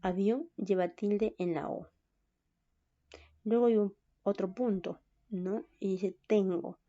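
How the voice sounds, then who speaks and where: A woman walks students through a recorded online class at an unhurried pace, her voice dark and mellow. She keeps checking whether they follow. The recording sounds dull and lo-fi. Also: medium pitch, steady tone. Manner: slow, patient, checks in with "¿no?". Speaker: teacher.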